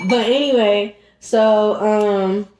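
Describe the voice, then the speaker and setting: A woman vlogger telling a story in casual chat, animated and emphatic, talking straight to her viewers as "y'all" while eating at home. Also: medium pitch, a little hiss or hum. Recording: roomy echoey room.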